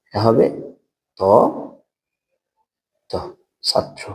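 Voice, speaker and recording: A male teacher gives a spoken lesson. He talks in a halting way and says each example word twice, slowly, so students can copy it down. His voice sits at an ordinary middle pitch for a man. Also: a little mellow, rough recording. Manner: halting, repeats words slowly for dictation. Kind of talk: spoken lesson on pronunciation rules.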